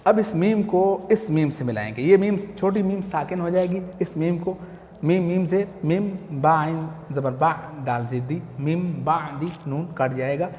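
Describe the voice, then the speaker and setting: A man's voice: on the high side, unhurried, a little mellow, slight background noise. A man with an Urdu accent teaching a Quran recitation lesson, patiently explaining step by step and repeating key terms. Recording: echoey room.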